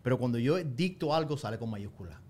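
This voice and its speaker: A man's voice: mid-range voice, lively intonation, quick pace, a little mellow, breathy edge. A man chatting as a podcast guest in a mid-range, everyday voice. He rambles through anecdotes, restarts his sentences and jokes at his own expense. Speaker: guest, TV host. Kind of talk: casual chat.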